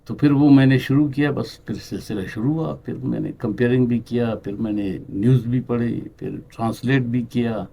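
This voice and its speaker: A middle-aged man from Balochistan, a writer and actor, telling anecdotes in an unhurried interview style with pauses, acting out other people's lines. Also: mid-range voice, creaky, dark tone, slight background noise. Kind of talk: relaxed interview storytelling.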